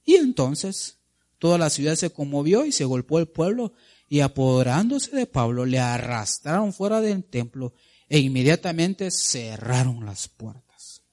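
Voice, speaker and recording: A man preaches a sermon in a fairly high voice. His pitch swings widely as he throws questions to the congregation and answers them himself. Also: sing-song, measured pace, darkish tone.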